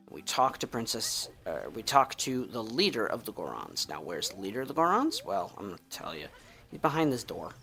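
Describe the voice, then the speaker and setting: A man's voice: mid-range voice, pushed and bright. A man streaming a video game and chatting casually over it, joking and laughing often. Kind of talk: casual let's-play commentary.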